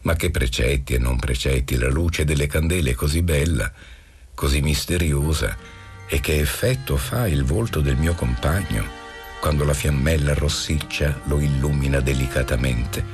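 A man reading a novel aloud in the first person, measured and expressive. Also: rumbling low, faint music behind. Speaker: reader. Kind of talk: literary audiobook reading on radio.

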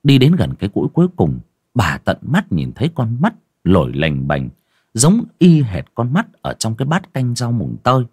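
Male horror narrator, husky and dry-sounding, wide expressive pitch. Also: moderate pace, no echo. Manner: dramatic, suspenseful storytelling. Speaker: audiobook narrator.

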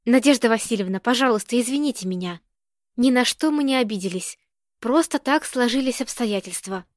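A woman reading the lines of a composed young woman who speaks quietly and in a measured way. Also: a little high, no echo, studio quality, close to an everyday voice. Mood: calm.

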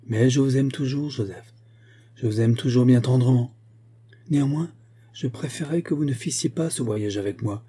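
A man voicing an anxious, gentle old male bank clerk who pleads in a trembling way. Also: mid-range voice, moderate pace, husky, close to an everyday voice. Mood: tender.

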